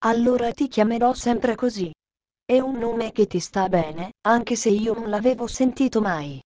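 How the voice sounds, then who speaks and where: A woman voicing a lonely twelve-year-old girl who chatters in a gentle, musing way. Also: on the high side, a little slow, close to an everyday voice.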